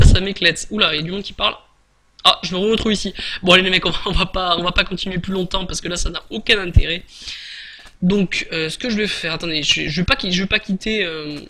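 Guy rambling over a game he's playing, high bright voice, lots of uh and restarts, faint hiss and clicks. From France. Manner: chatty, hesitant, many fillers and restarts. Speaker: gaming YouTuber. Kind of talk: casual gameplay commentary.

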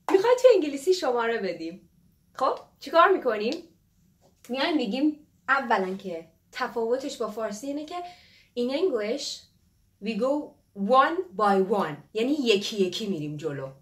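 A woman teaching English numbers in a casual, playful way, laughing often and repeating words slowly to model pronunciation. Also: on the high side, reverberant. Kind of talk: casual spoken lesson.

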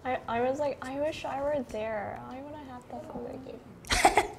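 A woman in her mid twenties, a makeup model chatting softly and giggling with the host on a livestream. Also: high-pitched, moderate pace, creaky, noisy background. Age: 20s. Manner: giggly, soft-spoken. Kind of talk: casual livestream chat. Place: bright studio set.

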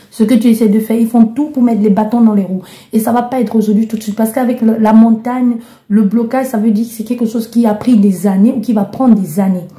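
A woman's voice: on the high side, warm tone. Impassioned woman reading tarot cards, echoey room. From Belgium. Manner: impassioned, addresses the listener directly, many restarts. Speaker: tarot card reader. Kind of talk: spoken card-reading guidance.

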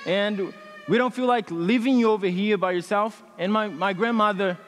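A twenty-something student with a Brazilian accent, whose first language is Portuguese, testifies before a congregation in a large church hall using a headset mic. His high-pitched voice is earnest and halting with many fillers, and there's slight background noise.

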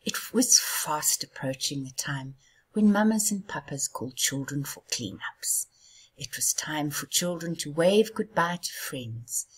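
A woman reading a children's story aloud in a soft, hushed, half-whispered way. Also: low-pitched, animated, measured pace, slightly rough. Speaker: storybook reader.

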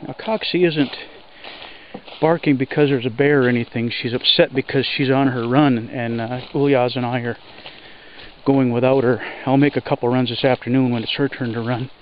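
An Alaskan homesteader vlogger narrates casually while hiking over rough ground in the woods beside a creek, plain-spoken and winded. His voice is medium-pitched with fairly even intonation. His body-worn action camera gives dull, lo-fi audio, with rushing creek water loud in the background.

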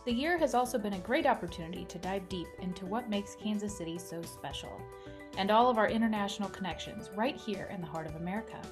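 A woman reading a smooth, scripted voice-over narration. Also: medium pitch, fast talker, music in the background.

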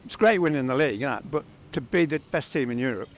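A man's voice: mid-range voice, expressive, fast talker, a little hiss or hum. A man in his sixties giving his opinion in an outdoor street interview. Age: 60s. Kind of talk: street vox pop interview. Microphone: handheld interviewer's microphone. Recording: faint outdoor street ambience.

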